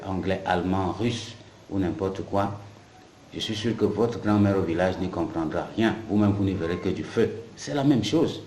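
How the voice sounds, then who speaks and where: A man from Africa teaches English in a patient, repetitive way. His voice sits low. The room echoes, with a faint hiss behind him. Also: darkish tone. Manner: patient, repeats key phrases. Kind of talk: bilingual language lesson.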